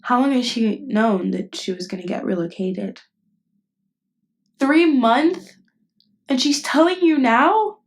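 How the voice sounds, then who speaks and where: In an intimate ASMR scene, a voice actress portrays a best friend who is caring yet indignant and protective, speaking to comfort someone casually and bluntly. Her voice is on the high side, slow, and broken by frequent pauses.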